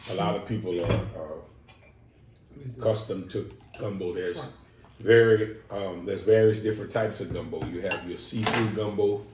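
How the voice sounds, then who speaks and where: Low-voiced New Orleans dad explaining gumbo. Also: male voice, fairly even intonation, normal speed, far from the mic. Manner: explains at length with many fillers, emphatic. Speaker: husband, father. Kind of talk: casual family mukbang chat. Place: home dining table. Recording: echoey room, from off mic, faint noise.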